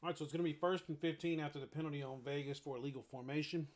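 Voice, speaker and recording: Brief: man streamer, casual live football reaction, chatty, voice sits a bit high, bursts of excitement at big plays. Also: very fast. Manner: chatty, eating while talking, excited outbursts at plays.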